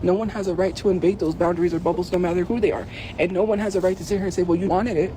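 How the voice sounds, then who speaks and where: A man's voice: high voice, steady tone, very fast, background noise. A man telling an emotional personal story in a rambling, filler-heavy way, recorded outside.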